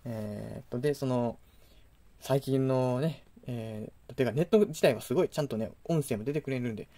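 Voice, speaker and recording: A man's voice: mid-range voice, normal speed, mellow. A man with a Kansai accent hosting a casual vlog, ranting in exasperation with sudden indignant outbursts. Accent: Kansai Japanese. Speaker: video host.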